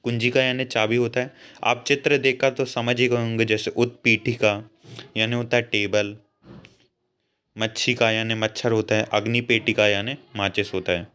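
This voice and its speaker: A young man, explaining a school lesson patiently and slowly. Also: mid-range voice, level tone, sharp tone, clean tone. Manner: slow, patient explanation with frequent asides to students. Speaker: teacher.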